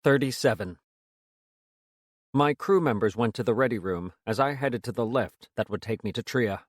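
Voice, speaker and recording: A man reading a first-person science fiction story as an audiobook narrator in a measured, steady way. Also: mid-range voice, dry recording, studio quality.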